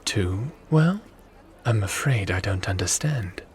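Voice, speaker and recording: In an ASMR audio roleplay, a man plays a god-like spirit who is calm, curious and formal, now sounding concerned. He speaks in measured, pensive phrases at a fairly low pitch, with a little hiss or hum on the recording.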